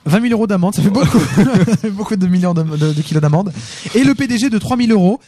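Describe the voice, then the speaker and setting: A man's voice: high voice, animated, fast talker, dark tone, no echo. Jokey French-speaking man reading tech news. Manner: reads news items with joking asides. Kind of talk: casual live tech news chat.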